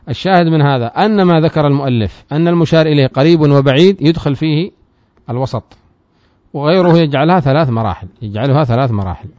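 A man teaching a lesson on a classical grammar text. He reads passages aloud, explains them and puts quick questions to his students. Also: a little high, a little mellow, no room sound. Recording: slightly dull, dry sound.

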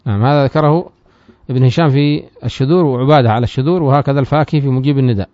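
A man teaching a lesson on a classical grammar text. He reads passages aloud, explains them and puts quick questions to his students. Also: mid-range voice, dry recording. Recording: slightly dull, dry sound.

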